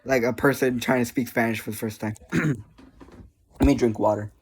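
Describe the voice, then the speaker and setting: An online creator chats casually with viewers, rambling and easily distracted, energetic, giggly and self-deprecating. The voice is mid-range with a breathy edge and a moderate pace.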